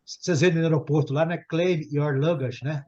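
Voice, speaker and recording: A middle-aged Brazilian man with a Brazilian Portuguese accent, teaching a group English lesson and repeating English words slowly for his students. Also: a little high, fairly even intonation, mellow, muffled recording.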